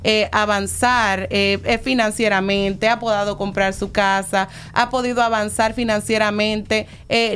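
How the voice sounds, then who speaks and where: A woman's voice: fairly high pitch, fairly bright tone, clear, resonant tone. A woman hosting a panel, introducing guests with many hesitant fillers. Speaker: host.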